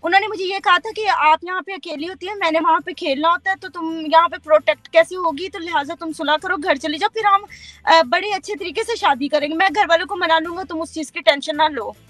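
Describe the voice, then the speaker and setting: A woman's voice: very high-pitched, fairly quick, fairly bright tone, dry recording. A woman in her thirties with a Pakistani Urdu accent, giving an earnest, firm account as an interviewee on a call and mixing in English words.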